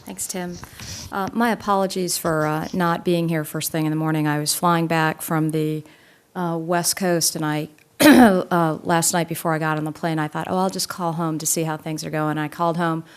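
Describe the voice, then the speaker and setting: A woman's voice: low-pitched, fairly even intonation, normal speed, clean tone. A woman speaking on a conference panel, opening in a chatty, anecdotal way.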